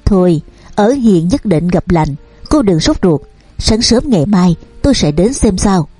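Storybook reading: a compassionate older male healer, soft and mellow, voiced by a woman. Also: medium pitch, lively intonation, unhurried, slightly rough, no room sound, soft background music. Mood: gentle. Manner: gentle, compassionate.

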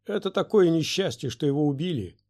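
A man voicing a nervous, fussy middle-aged father in an audiobook, pitched up and a little louder. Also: lively intonation, fairly quick. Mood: defensive, tired. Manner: nervous, fretful, evasive.

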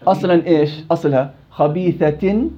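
A fast-talking man with a Levantine Arabic accent leads a recitation class, firing questions at his students and repeating each word to drill it. His voice sits high, and the recording sounds dull and lo-fi. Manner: quizzes students, repeats words to drill them. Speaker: Quran recitation teacher. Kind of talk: interactive tajweed lesson.

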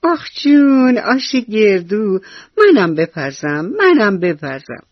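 A woman voicing an excited little mouse child with an eager, drawn-out way of talking, in a radio bedtime story. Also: medium pitch, dry recording, pitched above the performer's own voice, natural voice. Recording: dull lo-fi radio recording.

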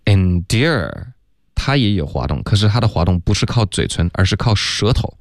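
Low-voiced male radio English teacher. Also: lively intonation, a little fast, a little mellow, no room sound, clean studio sound. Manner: patient, step-by-step, frequent "OK" and "嗯". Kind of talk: radio lesson explanation. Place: radio studio.

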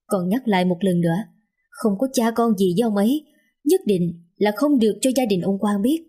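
A man's voice: sits high, normal speed, dark tone, breathy edge. A woman voicing a hot-tempered young man who speaks curtly and threateningly to his mother. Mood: angry. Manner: curt, demanding and threatening.

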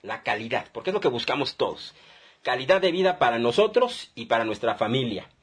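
A man's voice: mid-range voice, sing-song, a little fast, slightly rough. A man with a Mexican accent hosting a call-in radio advice show, chatty and upbeat as he reads listener messages and phone numbers.

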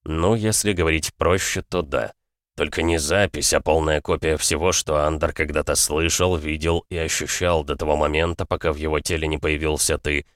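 A man voicing a calm older aristocrat father in an audiobook, measured and coldly matter-of-fact. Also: extremely low pitch, no echo, studio quality. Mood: explaining. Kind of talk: audiobook character voice.

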